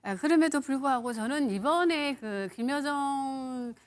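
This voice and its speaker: A woman's voice: high-pitched, unhurried. A woman commenting on a television current-affairs panel, giving opinions in an emphatic, direct way.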